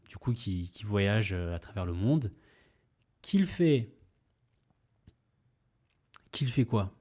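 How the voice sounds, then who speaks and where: A man's voice: fairly low pitch, warm tone. A young man hosting a podcast, telling a personal story casually, rambling with fillers, restarts and mild swearing. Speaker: podcast host.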